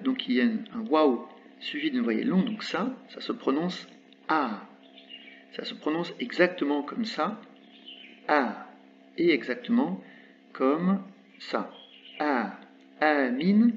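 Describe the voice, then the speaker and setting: A man explaining Arabic letters in French, patiently repeating example words slowly with small hesitations. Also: mid-range voice. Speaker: Arabic teacher. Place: indoors with birds audible outside. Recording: slightly dull recording with faint background noise.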